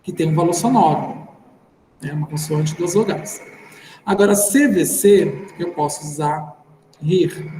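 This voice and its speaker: High-voiced Brazilian teacher in an echoey room. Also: male voice, measured pace, warm tone. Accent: Brazilian Portuguese. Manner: informal, thinking aloud, tags phrases with "né". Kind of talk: online class explanation. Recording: roomy reverberant sound with faint background noise.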